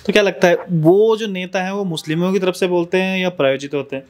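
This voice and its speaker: A man's voice: high-pitched, fast talker. Probing male news interviewer. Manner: probing, presses to clarify his question.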